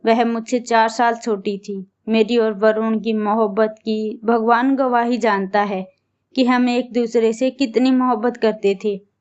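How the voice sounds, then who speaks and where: A woman telling a first-person story as narrator, reading at a steady, even pace. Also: on the high side, unhurried, highs cut off.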